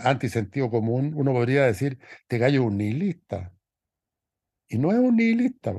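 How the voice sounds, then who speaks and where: A man's voice: medium pitch, a little mellow, husky, no room sound. Male podcast co-host, mid-range voice, dry close sound, rambling and reflective delivery. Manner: thoughtful, rambling, many restarts. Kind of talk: casual film discussion.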